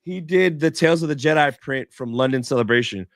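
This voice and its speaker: A man's voice: on the high side, brisk, no echo, studio quality. A man hosting a fan podcast, chatting casually with slangy, informal wording and repeated emphasis. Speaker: podcast host. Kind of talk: casual chat.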